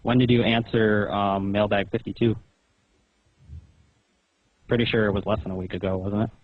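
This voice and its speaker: A man with a lowish voice, little pitch movement and normal speed questions and explains in an insistent, lecturing way on a phone call. He is the caller, and the talk is pointed questioning. The recorded telephone call sounds muffled and roomy.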